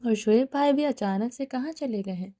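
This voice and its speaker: A stern, demanding young wife, as a woman narrator reads her presses question after question in a storybook reading. Her voice sits high but mellow, with dry, close sound. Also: dry recording, natural voice. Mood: insistent.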